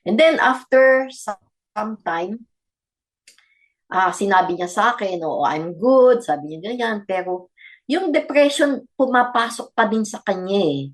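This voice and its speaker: A woman's voice: medium pitch, expressive, a little slow. Older woman telling a heartfelt story. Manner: earnest storytelling, mixing Tagalog and English. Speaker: guest grandmother. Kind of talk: personal testimony in a radio interview.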